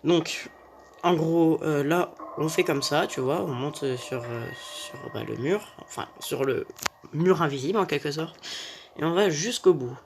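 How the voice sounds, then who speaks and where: A man's voice: a little high, unhurried, gravelly, background noise. A young man giving casual commentary on a video game as he plays, hesitant and full of fillers. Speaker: gaming youtuber. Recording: game music behind.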